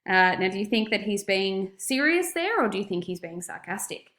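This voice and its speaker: A woman's voice: mid-range voice, very animated, normal speed, fairly bright tone. Australian woman teaching in an echoey room. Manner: instructive, emphatic on key points. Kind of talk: recorded classroom lesson, explanatory. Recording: roomy, echoey voice recording.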